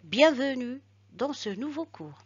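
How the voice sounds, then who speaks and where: Slow, careful woman teaching Arabic. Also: high voice, sing-song, husky. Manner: slow, deliberate, careful syllable-by-syllable pronunciation. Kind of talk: slow instructional lesson. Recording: dull lo-fi recording.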